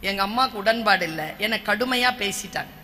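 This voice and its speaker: A woman in her forties preaches in a large church hall, her voice sharp and forceful. She drives her points home in short, emphatic phrases. Long reverb from the hall trails each line. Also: medium pitch, a little fast, slight background noise. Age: 40s. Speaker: guest speaker and teacher. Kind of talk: church sermon talk.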